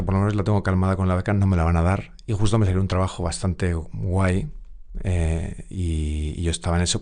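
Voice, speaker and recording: Man, co-host, somewhat low voice, hesitant storyteller who searches for words. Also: a little mellow. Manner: hesitant, many fillers and restarts while recounting. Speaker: yoga teacher, co-host. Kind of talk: casual conversational storytelling.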